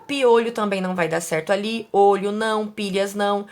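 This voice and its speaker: A woman teacher speaking slowly and carefully, sounding out words syllable by syllable for young pupils and asking them questions. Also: mid-range voice, steady tone. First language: Portuguese. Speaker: primary school teacher. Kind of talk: slow, careful classroom instruction.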